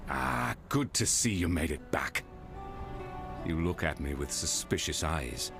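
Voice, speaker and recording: A formal, wry man of faith in a video game who carries a strange spirit inside him. His voice is very low, and his speech is theatrical. Clear game music plays behind him. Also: very animated, a little slow, heavily acted.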